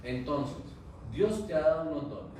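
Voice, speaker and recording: A man's voice: on the high side, lively intonation, a little slow, mellow, slight background noise. A man pastor preaching a sermon to his congregation, asking them questions and drawing replies. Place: church hall. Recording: echoey church hall from far off.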